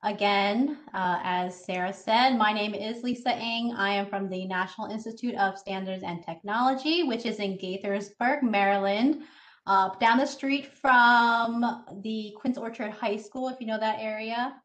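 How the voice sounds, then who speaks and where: A woman scientist in her thirties, from Taiwan but raised in the United States, gives an online talk to kids over a video call. Her medium-pitched voice is unhurried, and her presentation is friendly and explanatory, sprinkled with filler uhs.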